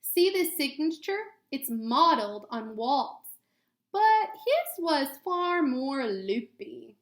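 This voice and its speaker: Here a female elementary teacher, fairly high-voiced, takes it slowly as she reads a picture book to her class and adds comments to the students. Her expressive reading echoes noticeably around the room.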